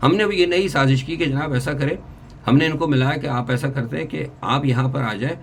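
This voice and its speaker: Brief: male commentator, mid pitch, loose off-the-cuff delivery, frequent restarts and asides. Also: vocal fry, a little hiss or hum. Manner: rambling, many restarts and asides, mixes in English words. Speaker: political commentator. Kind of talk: unscripted political commentary.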